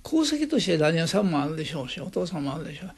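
An older man with an Osaka accent tells stories in a radio interview, acting out the voices of the people in them. His voice is gravelly and husky, and his pitch swings widely as he goes. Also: racing. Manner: animated storyteller acting out quoted voices. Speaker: guest.

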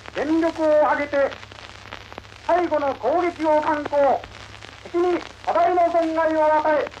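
Old newsreel-style broadcast voice, high, very slow and measured, muffled with light hiss. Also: a little mellow. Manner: slow, measured, ceremonial reading. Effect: old 1940s radio broadcast heard as archive sound. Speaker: radio announcer. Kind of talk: official wartime bulletin reading.

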